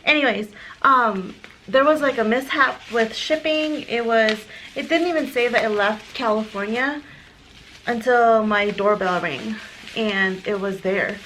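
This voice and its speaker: A woman's voice: on the high side, a little slow, poor audio. Breathless, gushing woman unboxing a purchase. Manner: gushing and breathless, trailing off into soft whispers. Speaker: vlogger. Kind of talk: excited unboxing vlog. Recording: audible background noise.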